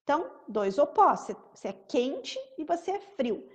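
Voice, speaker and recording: A woman teaching English through a song, explaining in Portuguese and slowly repeating English words and lyrics. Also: high-pitched, sing-song. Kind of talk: song-based English lesson.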